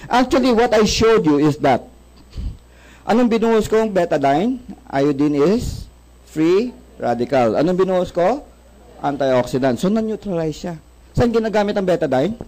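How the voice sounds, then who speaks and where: A man's voice: high voice, big pitch swings, moderate pace, warm tone, low-quality recording. A man with a Filipino accent giving a live health product presentation, asking the audience questions, answering them himself and joking with them. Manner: jokes and laughs with the audience.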